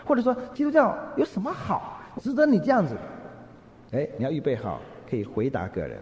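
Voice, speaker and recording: A man's voice: fairly high pitch, fairly quick. A man giving a sermon, telling stories with humor and acting out what people said. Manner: humorous, lively storytelling, acts out quotes. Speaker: preacher. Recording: echoey hall, dull lo-fi sound.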